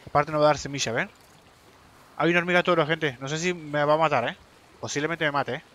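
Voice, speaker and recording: A young Argentine streamer talks fast in a slightly high, fairly bright voice with fairly even intonation. He keeps up chatty live commentary aimed at his viewers while playing, swearing and yelping when fights go poorly.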